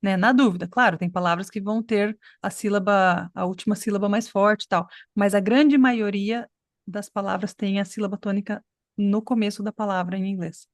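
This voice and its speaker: A woman's voice: mid-range voice, steady tone, moderate pace, dry recording, studio quality. Woman teaching pronunciation on a video call. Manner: explains patiently, checks in with "né?" and "tá?". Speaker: English teacher. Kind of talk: online class teaching pronunciation.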